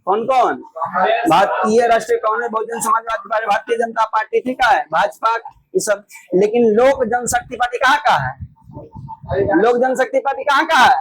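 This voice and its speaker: A man with a very high voice teaches in a Bihari Hindi accent. He quizzes his students loudly and hammers each answer home by repeating it over and over. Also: normal speed, husky, low-quality recording. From Bihar, India. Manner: loud, repetitive quizzing that drills students with call-and-response. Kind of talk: classroom exam drill lesson.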